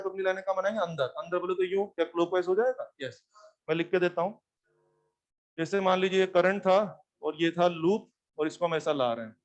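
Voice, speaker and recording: A man teaching physics to a class, animated and often repeating questions back to students. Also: high-pitched. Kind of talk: classroom lecture.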